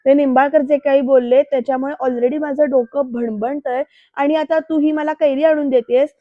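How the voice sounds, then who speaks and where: A woman's voice: high-pitched, steady tone, normal speed, no echo, lightly acted. A woman voicing a snapping angry young man. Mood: irritated. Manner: snapping, curt. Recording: dull dry voice-over.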